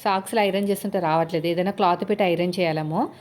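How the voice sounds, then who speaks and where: A woman's voice: on the low side, steady tone, racing, darkish tone. A woman in her thirties from India, talking casually to her viewers while doing chores, chatty and rambling with lots of fillers. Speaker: vlogger, housewife.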